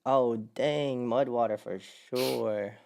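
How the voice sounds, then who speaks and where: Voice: medium pitch, fairly even intonation, slow, vocal fry, a little mellow. A host of a casual livestream podcast, playful and hyped, laughing often and joking with the crew.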